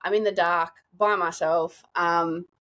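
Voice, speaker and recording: A woman guest telling a lively hunting story in a casual, chatty way. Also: lowish voice, a little slow. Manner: chatty, animated, lots of "like" and laughter.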